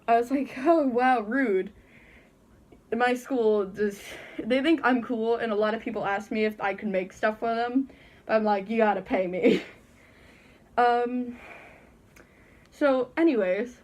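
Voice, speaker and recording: A woman's voice: a little high, a little mellow. A teenage girl casually telling a story from her bedroom while wearing a costume head, chatty and giggly, acting out the people she quotes. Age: teens. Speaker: vlogger.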